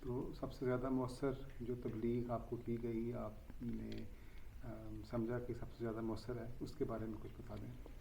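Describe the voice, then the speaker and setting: A man's voice: mid-range voice, flat delivery, vocal fry, warm tone. A man hosting an interview who politely thanks his guest and asks long, winding questions. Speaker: interviewer host. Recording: noisy lo-fi recording.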